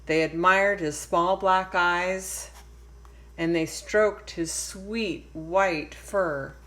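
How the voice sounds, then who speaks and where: Slow, low-pitched woman reading a storybook. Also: steady tone, a bit bright, rough recording. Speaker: storybook reader. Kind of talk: children's read-aloud narration.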